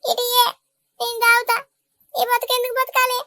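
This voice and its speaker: A woman voicing an emotional older village mother in a cartoon, pleading dramatically in a high-pitched voice. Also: fairly even intonation, a little fast, sharp tone, no room sound. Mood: despairing. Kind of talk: Telugu cartoon dubbing.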